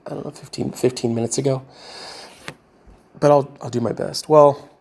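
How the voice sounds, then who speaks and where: Gravelly halting man rambling about a movie. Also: mid-range voice, steady tone, a little mellow. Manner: halting, many fillers and restarts, trying to recall. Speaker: vlogger retelling a movie rewrite. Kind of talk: rambling casual monologue.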